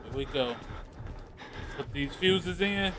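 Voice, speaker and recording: A man's voice: fairly high pitch, takes it slowly, very noisy. A man commentating a horror game as a hyped gamer bro, slangy and profane. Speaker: gaming video host.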